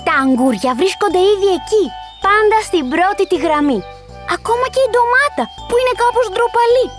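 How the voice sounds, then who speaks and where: A woman narrating a rhyming children's story in an expressive, sing-song way. Her voice is high and full of melody. Soft music plays underneath her.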